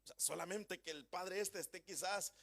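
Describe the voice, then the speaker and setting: High-voiced man preaching emphatically. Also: normal speed, vocal fry, fairly bright tone. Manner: emphatic preaching with rhetorical questions to the congregation; folksy humor. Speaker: pastor. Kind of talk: Pentecostal sermon. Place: church.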